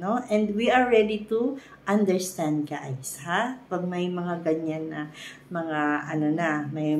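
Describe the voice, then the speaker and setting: Filipina vlogger talking to her viewers, taglish, lots of "guys, no?", room echo. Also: mid-range voice. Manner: mixes Tagalog and English, frequent "guys, no?" and "di ba?" tags, laughs often. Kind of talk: casual advice talk to viewers.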